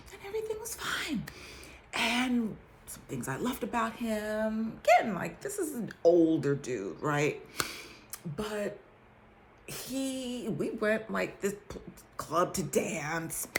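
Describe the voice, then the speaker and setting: A woman tells her own story in a casual, chatty way, stressing her points and checking in with listeners. Her pitch swoops all over, and her voice carries a gravelly fry. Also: very animated, slow, noisy background. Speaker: abuse survivor sharing her testimony. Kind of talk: casual personal testimony.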